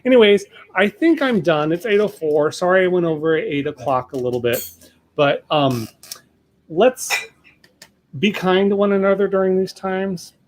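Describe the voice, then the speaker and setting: A man with a voice that sits high hosts a casual live cooking demo in his home kitchen, moving at a moderate pace. He rambles, with lots of fillers and restarts, and says he has a loud voice. There's slight background noise.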